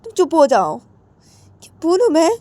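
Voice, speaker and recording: A woman's voice: very high-pitched, sing-song, moderate pace, mellow, no room sound, pitched above the performer's own voice. A woman voicing a stern mother-in-law who scolds her daughter-in-law for rude behavior. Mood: reproachful. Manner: reproachful.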